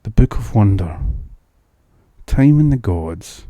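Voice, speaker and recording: A Scottish man streams a video game, chatting casually and musing aloud about what's on screen, sometimes restarting words. His voice is fairly low, mellow, and slow, with lively intonation, captured dry on a new studio mic.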